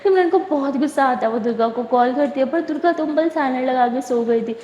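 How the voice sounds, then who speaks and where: A high-voiced woman narrates a love story in a loose, chatty manner, often dropping in the filler "نا". The room is roomy with a long reverb, and there is a faint ambient hiss behind her. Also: warm tone.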